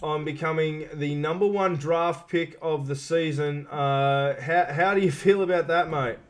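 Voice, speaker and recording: A man's voice: fairly high pitch, unhurried. A man hosting a casual live interview show, matey and informal, feeling his way through questions.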